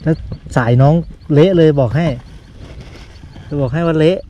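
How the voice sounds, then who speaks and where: A man vlogging a fishing trip, calmly explaining his bait, line and catch in casual commentary. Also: a little high, moderate pace, lo-fi sound, a little hiss or hum. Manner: relaxed, explains fishing gear step by step. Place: outdoors at a fishing pond.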